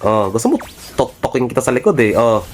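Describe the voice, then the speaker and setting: A cocky young man commentates his own mobile match, barking repeated short calls at his team. He swears freely and mocks his rivals with smug boasts. His voice sits at an ordinary middle pitch. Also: big pitch swings, fast, faint music behind. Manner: brash trash talk, swearing, bossing teammates; repetitive calls, tag word after most phrases. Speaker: gaming streamer. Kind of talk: live mobile game commentary.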